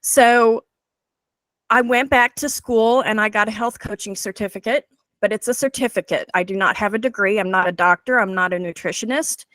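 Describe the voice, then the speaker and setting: A woman's voice: mid-range voice, moderate pace, fairly bright tone, no echo. A woman in her forties, a guest presenter telling her personal story in an earnest, heartfelt way over a video call.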